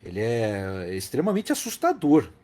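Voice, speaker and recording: In a casual podcast talk about a film, a Brazilian host explains emphatically and repeats important phrases. His soft-edged, mellow voice swoops wildly in pitch, and he speaks a little slowly.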